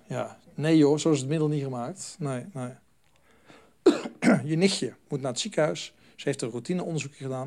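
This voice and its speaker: A man working as a stop-smoking trainer, giving a lively talk to a group and acting out voices as he goes. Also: mid-range voice, gravelly. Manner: animated, acts out voices and phone calls.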